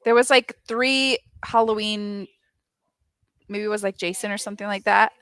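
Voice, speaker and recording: A woman's voice: mid-range voice, fairly even intonation, moderate pace, fairly bright tone, smooth, dry recording. A young woman talks casually on a video call, with a mid-range voice in a dry, close sound. She chats easily, laughs often and sometimes lets her sentences trail off. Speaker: host of reading sprints. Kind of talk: casual chat.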